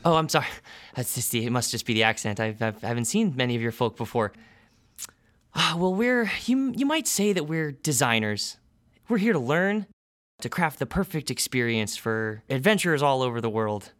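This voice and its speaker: A man's voice: mid-range voice, very animated, normal speed, fairly bright tone. A man voicing a chirpy, sweet-talking female receptionist in a tabletop game who calls everyone sugar and sweetheart. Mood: sugary. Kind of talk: tabletop role-play.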